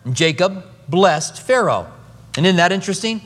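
A man's voice: high-pitched, moderate pace, husky, big-room sound. A middle-aged man preaching a sermon as pastor, telling stories with humor. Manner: animated storytelling with humor.

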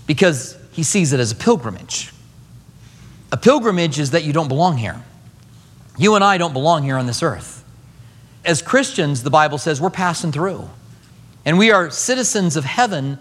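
A man's voice: on the high side, in a large hall. A middle-aged man preaching a sermon as pastor, telling stories with humor. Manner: animated storytelling with humor.

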